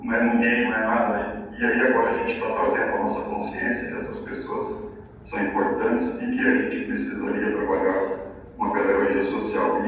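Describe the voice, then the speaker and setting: A low-voiced man speaks slowly and reflectively, his pitch rising and falling in a lively way. He is picked up from a distance in a large echoing hall. The sound is dull and muffled, with a faint hiss underneath. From Northeast Brazil, Piauí backlands. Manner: reflective, halting, frequent "né" fillers. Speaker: agronomist and social pedagogy association director. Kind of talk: personal testimony at a celebration event.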